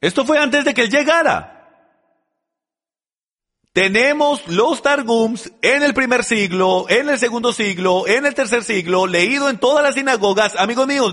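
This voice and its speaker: A man with a high voice gives an emphatic Bible-teaching sermon and calls out to his listeners as friends. His voice rings with a long hall reverb. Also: animated, unhurried, a bit bright. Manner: emphatic, addresses the audience directly.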